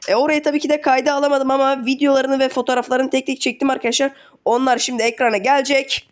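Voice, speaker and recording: A man's voice: very high voice, little pitch movement, fast talker, smooth. A man with a sick, worn voice giving casual let's play commentary, chatty and casually swearing as he keeps talking to his viewers. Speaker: gaming channel host.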